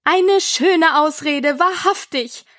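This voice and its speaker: Woman voicing a shrill scolding pigeon. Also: expressive, a little slow, fairly bright tone, dry recording, studio quality, heavily acted. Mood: contemptuous. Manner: shrieking, indignant, scolding. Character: shrill fretful female pigeon guarding eggs. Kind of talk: storybook reading.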